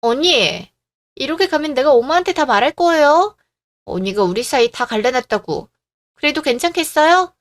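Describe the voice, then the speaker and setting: A woman's voice: a little high, sing-song, moderate pace, a bit bright, dry recording, studio quality. A woman voicing a petulant, whining young sister-in-law in a radio drama.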